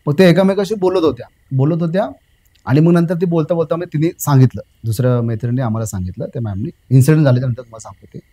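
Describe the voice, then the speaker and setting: Young male guest, slightly high, mellow voice; loose rambling storyteller who repeats phrases and says "uh" a lot. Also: husky, rough recording. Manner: rambling, repeats phrases, fills pauses with "uh", addresses the host as sir. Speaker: guest recounting a personal experience. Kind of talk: casual spoken storytelling.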